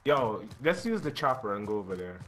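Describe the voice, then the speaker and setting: A young man playing a shooter with a teammate, talking fast and restless, swearing and joking around. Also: lowish voice, sing-song, a bit bright. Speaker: gaming teammate. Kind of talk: casual gaming chat.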